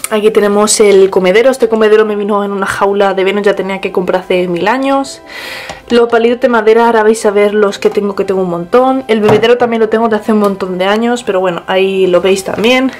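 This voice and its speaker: This pet vlogger, a young woman, talks her way through a casual home tour of her bedroom, filmed on a small handheld camera. Her voice is mid-range and somewhat dark, and she keeps restarting and correcting herself.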